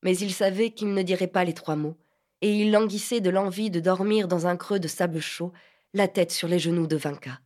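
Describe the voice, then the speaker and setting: A woman narrating an audiobook of a literary novel in a measured, expressive reading. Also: lowish voice.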